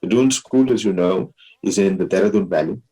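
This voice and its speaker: Interview guest: male, posh educated Indian accent, husky lower register, deliberate explanatory delivery. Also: mellow, low-quality recording. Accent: educated, posh Indian English. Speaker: interview guest, alumni society president. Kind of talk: measured explanatory interview answers.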